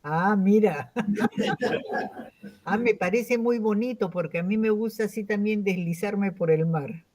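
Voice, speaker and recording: A woman with a Peruvian accent giving an online lecture in a warm, reflective way, often closing phrases with a questioning tag. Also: mid-range voice, a little slow. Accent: Peruvian Spanish, from Callao. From Peru. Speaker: invited lecturer. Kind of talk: online conference talk.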